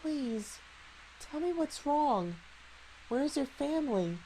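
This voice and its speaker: A woman's voice: high voice, expressive, slow, warm tone, slight background noise, voice pushed up, low-quality recording. A woman voicing an anxious, polite teenage schoolgirl, reading horror game dialogue in an earnest, flustered way. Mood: worried, earnest.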